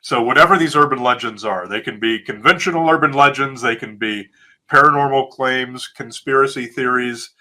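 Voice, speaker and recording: A man's voice: medium pitch, moderate pace, sharp tone. A man who podcasts, answering interview questions in a casual, explanatory way.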